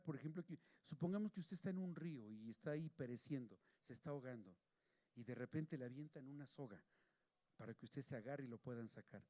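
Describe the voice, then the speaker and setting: A man preaching a sermon, moving between hushed, pleading passages and raised, emphatic ones. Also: a little high.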